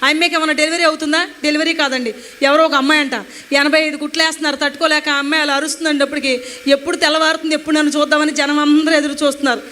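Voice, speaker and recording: Woman, testimony speaker, high bright voice, emotional animated delivery. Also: racing. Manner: emotional, animated retelling with acted quotes. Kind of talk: personal testimony storytelling.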